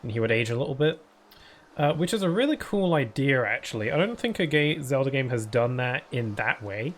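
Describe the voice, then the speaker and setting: Chatting casually while gaming on stream, a man answers his viewers aloud, restarting sentences and leaning on fillers. His mid-range voice, which he calls a permanent cold voice, is expressive and a bit bright, and he speaks a little fast.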